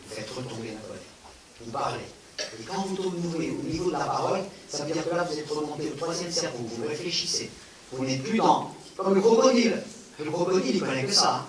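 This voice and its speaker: A man giving a public talk on non-violence, animated, with rhetorical questions and emphatic repetition, answering an audience's questions. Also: mid-range voice, distant mic, background noise. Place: large hall with an audience. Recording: echoey hall, speaker away from the mic.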